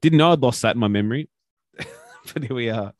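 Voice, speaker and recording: A man with a mid-range voice speaks a little fast as a co-host on a casual podcast, rambling with restarts and casual swearing. The recording is dry with clean studio sound.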